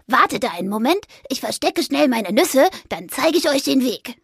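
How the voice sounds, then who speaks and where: A woman's voice: high-pitched, moderate pace, creaky, husky, no room sound, clean studio sound, exaggerated voice. A woman voicing a chatty friendly squirrel. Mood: chatty, helpful. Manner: lively, chatty and helpful.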